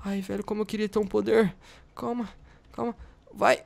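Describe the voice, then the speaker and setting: A young Brazilian man hosting excited Minecraft role-play commentary, yelping and laughing often. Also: high voice, normal speed, creaky. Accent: Brazilian Portuguese. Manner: animated, yelps and laughs often. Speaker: host.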